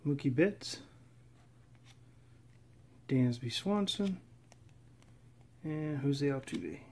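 A man casually narrating as he opens packs of trading cards, reading off names in a steady, relaxed list. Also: a little high, drawn-out words, slight background noise. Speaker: card collector opening packs. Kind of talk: casual running commentary. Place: indoors at a table.

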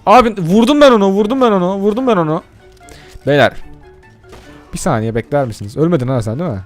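An excitable man giving let's-play commentary, talking straight to his viewers and tossing off casual curses at the game. His slightly high voice leaps around in pitch as he reacts. Faint music plays beneath him. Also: quick pace. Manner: addresses viewers directly. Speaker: gaming YouTuber.

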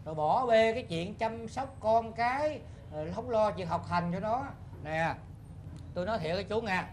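A man playing an eatery owner in a sitcom, scolding loudly and blustering. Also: high voice, expressive, moderate pace, slight background noise. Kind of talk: sitcom acting.

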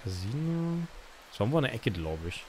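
A man's voice: medium pitch, very animated, fast, darkish tone. Guy rambling thru his let's play, voice goes up and down a lot, noisy game sound behind. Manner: muttering, rambling, many fillers and restarts. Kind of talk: casual gameplay commentary.

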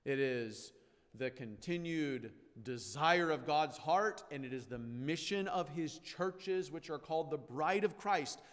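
A man preaching an expository sermon as pastor, emphatic, with loud declarations that drop to quiet asides. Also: on the high side, long reverb tail. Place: church sanctuary.

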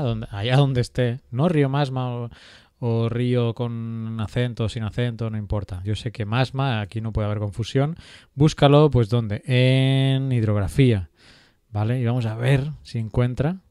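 A man walks through a software tutorial at a computer, thinking aloud and filling pauses with "eh" and "¿vale?". His voice is mid-pitched and recorded dry and close, with no room sound. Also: dry recording. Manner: thinks aloud with frequent fillers and rhetorical "¿vale?". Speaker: GIS instructor.

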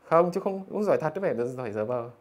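A man's voice: on the high side, lively intonation, fast, darkish tone. Teasing man teacher. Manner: teasing, jokey, keeps asking "được chưa?". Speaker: math teacher. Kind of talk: online livestream lesson, reading out scores.

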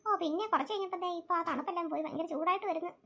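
A woman plays a cartoon girl with a piercing, very high and bright voice. She chatters quickly and nervously to herself, easily spooked and jumpy. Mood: musing. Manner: jumpy, frightened muttering to herself. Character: scared young girl alone at night. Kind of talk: cartoon voice acting.

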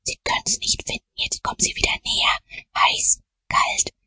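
A woman voicing a scared young boy who talks in a breathless high whisper. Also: normal speed, bright, forceful tone, no room sound. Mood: frightened whisper.

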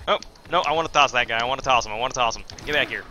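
A man chatting loosely through a video game playthrough, with a very bright, sharp-edged tone and lots of ums and uhs. Faint game music plays behind him. He pokes fun at his own skills as he goes. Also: mid-range voice, rapid-fire. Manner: rambling, self-deprecating, many fillers. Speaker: let's play host. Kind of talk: casual gameplay commentary.

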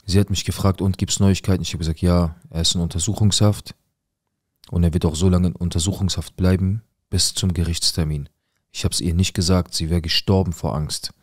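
A man with a low, deep voice recounts a personal ordeal and voices each exchange as he tells it. His delivery is intense and heated. The sound is dry and close, with no room echo. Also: steady tone, brisk. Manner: retells events with quoted dialogue, intense and heated. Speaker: guest recounting a personal experience. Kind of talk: emotional first-person account.

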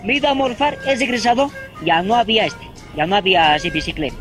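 Sly bargaining trader, Bolivian Spanish accent, bossy and scolding, fairly high voice. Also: male voice, big pitch swings, fast talker, music in the background. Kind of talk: film acting.

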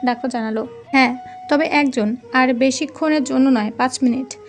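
High-voiced woman narrating a story. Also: moderate pace. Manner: reads every character's lines in her own voice. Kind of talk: scripted audio story narration. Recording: faint music behind.

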